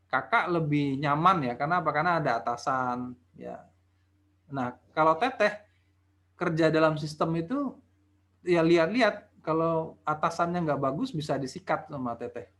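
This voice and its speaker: A man walks someone through their personality results. He is chatty and explanatory and fills his talk with little fillers. His voice sits a bit high for a man. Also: fairly bright tone. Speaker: talent mapping consultant. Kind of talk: feedback session conversation.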